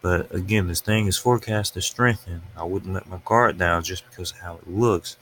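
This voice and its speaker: A low-pitched man gives an unscripted weather rundown from an upstairs room at home, speaking into a webcam. He talks loosely, narrating whatever is on his screen as he goes. A faint background noise sits under the recording. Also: normal speed, fairly bright tone. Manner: loose and unscripted, talking through his screen while he waits on it. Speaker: weather livestreamer. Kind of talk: casual weather commentary.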